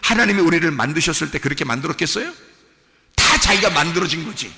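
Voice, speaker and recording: A man preaching a sermon as a pastor, dropping to low murmurs and then rising to shouted emphasis. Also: lively intonation, fast talker, gravelly, in a large hall, slight background noise. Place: church sanctuary.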